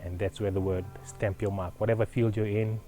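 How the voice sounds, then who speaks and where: A man's voice: on the low side, steady tone, a little fast, music in the background. A man from Fiji, a clothing brand founder, answering interview questions in an earnest, proud way with many fillers and restarts.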